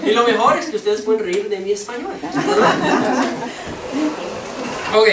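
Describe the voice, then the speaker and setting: Over a loud crowd, a teacher with a medium-pitched, lively voice gives a bilingual classroom lesson. English is the teacher's first language, yet the delivery halts as words are sought during translation, recorded noisily on a distant mic in an echoey space.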